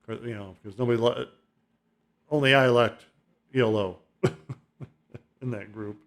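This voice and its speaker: Middle-aged male vlogger, average pitch, chatty, meandering, laughs often. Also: steady tone, a little slow, a bit bright. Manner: rambling, chuckling, nostalgic, full of fillers. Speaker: album ranking vlogger. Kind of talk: casual rambling monologue.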